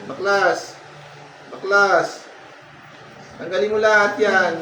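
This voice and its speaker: A high-voiced man acts as a folk healer, issuing repeated commands and pressing questions between murmured incantations. He sits at some distance from the mic, so his voice sounds roomy, with faint noise behind it. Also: fairly even intonation, slow, pushed and bright. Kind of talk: healing ritual with chanted prayers and questioning.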